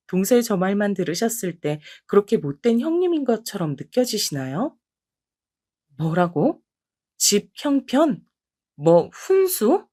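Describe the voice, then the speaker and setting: A middle-aged woman telling her own family story as a dramatized narration. Her mid-pitched voice moves expressively up and down. She sounds wronged and indignant throughout. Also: dark tone, no echo, studio quality. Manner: indignant, aggrieved.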